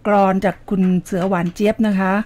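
A woman's voice: mid-range voice, flat delivery, brisk, darkish tone. A woman hosting a casual radio interview in a studio, chiming in with short remarks and reading listener messages. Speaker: radio host.

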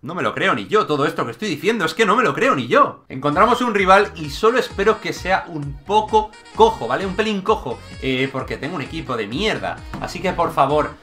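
Excitable young gaming commentator. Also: male voice, a little high, faint music behind. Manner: excitable, jokey, rapid shifts between shouts and mutters. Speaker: gaming YouTuber. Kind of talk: energetic gameplay commentary.

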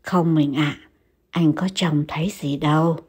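A woman voicing a weak injured husband who speaks in a faint, low, whispery voice. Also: very animated, a little slow, darkish tone.

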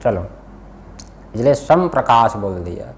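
A man's voice: lowish voice, big pitch swings, slow pace, vocal fry. A man teaching a scripture class in an Indian accent, questioning his students and repeating key words. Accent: Hindi-speaking Indian. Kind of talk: classroom lesson, explaining a text.

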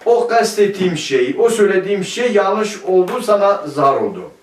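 A man's voice: sits high, big pitch swings, moderate pace. A man teaching a grammar lesson, asking his class questions and answering them himself. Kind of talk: classroom lecture. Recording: echoey room, mic at a distance.

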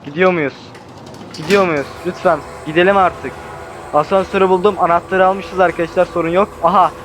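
A young man commentating his horror game playthrough, talking nervously to the monster and swinging between hushed mutters and startled yells. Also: high voice, fairly even intonation, a little fast, a little hiss or hum. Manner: jumpy, talks to the monster, swings from hushed to yelling. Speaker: gaming YouTuber.

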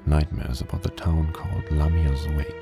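A grim, gravel-voiced private detective. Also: male voice, fairly even intonation, normal speed. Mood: brooding. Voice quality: very deep, gravelly. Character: weary middle-aged male private detective, grim. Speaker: game narrator. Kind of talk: scripted noir narration. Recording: game audio under loud music. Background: game music.

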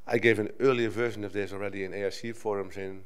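A middle-aged man from the Netherlands who speaks Dutch natively talks fast at a conference, standing at a lectern on the hall stage and using its microphone. His fairly low voice is clear and resonant with fairly even intonation, and he speaks conversationally, restarting often.

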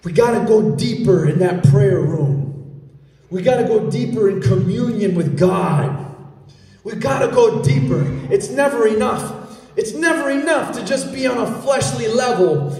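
Fervent preacher in an echoing hall. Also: male voice, extremely high pitch. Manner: fervent, rising to shouts at climaxes. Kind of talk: sermon. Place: large church hall, indoors. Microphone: handheld mic. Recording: echoey hall, from far off.

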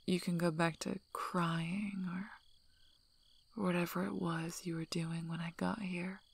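In a soft-spoken ASMR roleplay, a woman plays a tough female werewolf alpha in full character voice, using a husky, breathy near-whisper. Her lowish voice is slow, gravelly and very level as she teases dryly and sounds gruffly protective.

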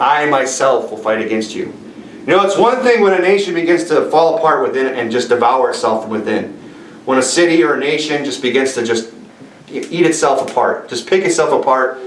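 A middle-aged man preaching a sermon, reading scripture slowly and emphatically in a small church room. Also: fairly high pitch, slight background noise. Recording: echoey room from far off.

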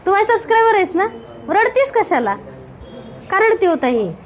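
Very high-voiced woman coaxing a visitor. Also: sing-song, moderate pace. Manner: teasing, coaxing and reassuring, repeats questions. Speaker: video creator meeting viewers. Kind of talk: casual chat with visitors. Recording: crowd chatter behind the voice.

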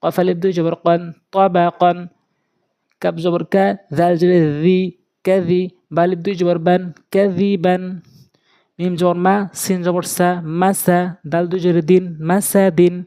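A Quran reading teacher from Bangladesh with a Bangladeshi Bengali accent, giving a lesson as a steady, repetitive sing-song spelling drill. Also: mid-range voice, a little slow, smooth.

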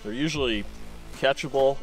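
A man's voice: mid-range voice, normal speed. Laid-back male angler, thirties, talking through his fishing on a lake, clip mic, faint music underneath. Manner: relaxed, chatty, lots of fillers and restarts. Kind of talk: casual fishing commentary. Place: small boat on a lake, outdoors.

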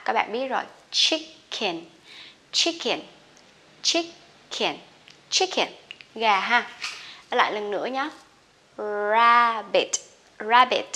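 A woman's voice: fairly high pitch, sharp tone. A young woman teaching English vocabulary, patiently repeating each word and adding chatty asides to the learners. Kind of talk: vocabulary lesson with repetition drills.

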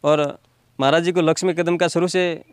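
A man's voice: a little high, steady tone, smooth, no echo. A man from Rajasthan, an eager horse owner answering interview questions. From Rajasthan, India. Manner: eager, affirming, quick to reply "haan ji".

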